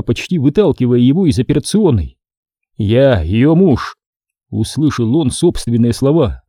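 A man reading an audiobook in a measured, expressive way. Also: medium pitch, dry recording, studio quality. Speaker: audiobook narrator. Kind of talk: scripted audiobook narration.

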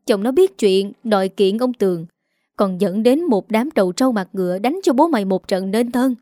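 A woman's voice: medium pitch, lively intonation, normal speed, warm tone, no echo, studio quality, natural voice. A woman voicing an aging village mother who is tearful and bitterly complaining. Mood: indignant.

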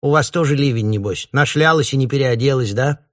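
A man's voice: medium pitch, fairly quick, fairly bright tone, voice pushed up, lightly acted. A man voicing an older mother, a pensioner who fusses, scolds and teases her daughter. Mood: fussing. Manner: fussy, scolding, teasing. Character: chatty grumbling older woman, a pensioner mother.

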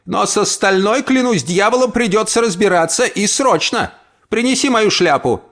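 A sharp-tongued old woman in a storybook, scolding in a high, shrill voice that leaps up and down. A man acts her out, pitching far above his own speaking voice. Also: big pitch swings, unhurried, vocal fry, heavily acted. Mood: furious.

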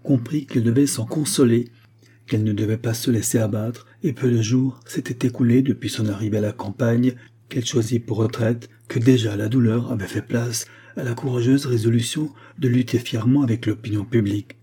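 A man reads a classic story aloud in a steady, measured way. His voice is husky and mellow, with a soft, darker color. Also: mid-range voice. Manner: measured, even storytelling delivery. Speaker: audiobook narrator. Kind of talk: scripted literary narration.

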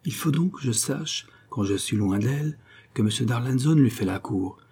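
A man's voice: medium pitch, expressive, moderate pace, dark tone, slight background noise, natural voice. A man reading a storybook, voicing an anxious, earnest young writer who speaks with restraint. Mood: troubled.

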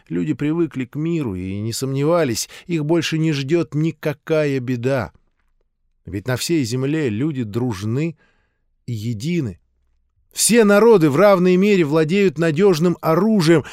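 A man narrating a short story in a measured, expressive audiobook reading. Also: a little high, dry recording, studio quality.

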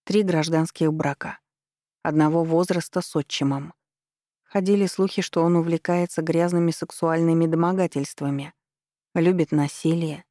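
A woman narrating a novel in a measured storytelling manner. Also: sits low, steady tone, mellow, no echo, clean studio sound. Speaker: audiobook narrator. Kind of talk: scripted narration.

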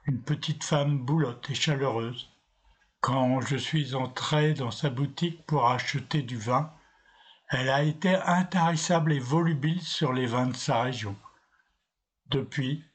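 A man narrating a scripted first-person story in a steady, unhurried way. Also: mid-range voice, husky.

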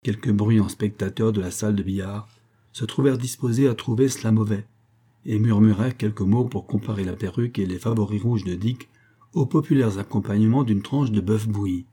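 A man narrating an audiobook with lively, ironic storytelling. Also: fairly low pitch, brisk, slightly rough. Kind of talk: scripted narration.

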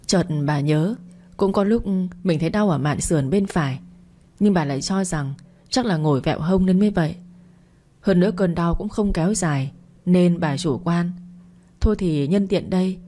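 A woman tells a story in a calm, even audiobook style. Her voice sits a little low and sounds mellow and soft-edged, with a steady, unhurried delivery. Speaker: narrator. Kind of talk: scripted audiobook narration.

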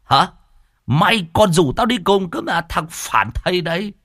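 A man voicing a hot-tempered old male master who yells in a high, shrill voice and scolds his student. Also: big pitch swings, measured pace, no echo, studio quality, heavily acted. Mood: scolding. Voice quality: shrill, yelling.

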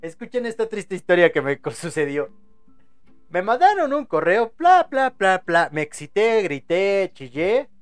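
A man's voice: sits high, big pitch swings, unhurried, clean tone, soft background music. A young Mexican man hosting a live podcast in casual, rambling chat, full of crude slang, stuttered repeats and restarts. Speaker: podcast host.

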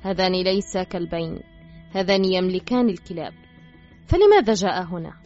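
A woman voicing a calm, scheming male thug who makes quiet threats, read in an audiobook with faint music behind. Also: lowish voice, a little fast. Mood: calm, menacing. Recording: slightly dull with faint music.

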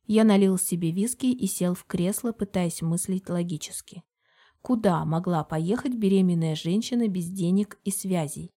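A woman narrating an audiobook in first person with an even, measured reading. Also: on the low side.

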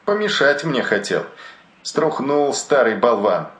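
A man's voice: mid-range voice, very animated, takes it slowly, fairly bright tone, reverberant, pitched above the performer's own voice. A man voicing a dazed, rambling sailor trapped below deck, chattering in a detached, dreamy way in an audiobook. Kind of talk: audiobook narration.

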